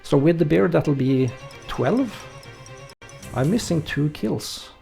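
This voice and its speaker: With faint music behind him, a man from Norway talks slowly in a fairly high voice with vocal fry. It's a casual let's-play stream where he chats with viewers, reads the chat aloud, and sounds relaxed and hesitant, with plenty of fillers.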